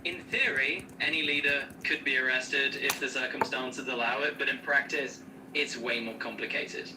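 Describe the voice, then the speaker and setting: A man's voice serving as an AI co-host, answering questions in a smooth, upbeat, explanatory way with casual slang. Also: medium pitch, steady tone, normal speed, far from the mic, background noise. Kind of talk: conversational Q&A co-hosting.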